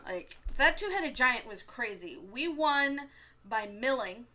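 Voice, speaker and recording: Woman, podcast co-host, high voice, animated storyteller, curses, laughs a lot. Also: slow. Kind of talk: casual chat.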